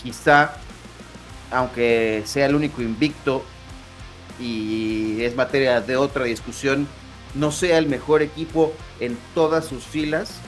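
Male sports commentator, average pitch, deliberate analytical delivery over a soft music bed. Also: fairly even intonation.

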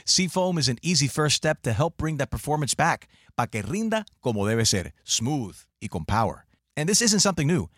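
A man's voice: fairly high pitch, very animated, normal speed, fairly bright tone, no room sound, clean studio sound. A man reading a radio ad, switching playfully between English and Spanish slang. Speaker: ad announcer. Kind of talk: bilingual radio ad read.

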